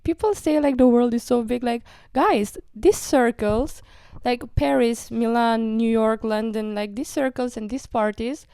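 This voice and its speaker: A young woman chatting on a podcast, her voice gravelly and fry-heavy from a lingering cold. She rambles with lots of "like" and frequent laughs, recorded close and dry with no room sound. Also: on the high side, a little slow, few pauses, dark tone, dry recording. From Romania. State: recovering from a cold, sick voice. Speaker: podcast co-host. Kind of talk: casual chat.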